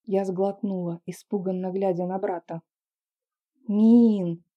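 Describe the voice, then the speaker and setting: A woman reading a first-person story in a calm, measured audiobook narration. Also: medium pitch, narrow, tinny audio. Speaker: audiobook reader.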